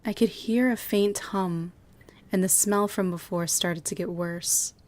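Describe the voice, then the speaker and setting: A woman streamer reading game text aloud in a measured way and answering her chat in quick asides, recorded at a home streaming setup. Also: fairly low pitch, fairly even intonation, darkish tone.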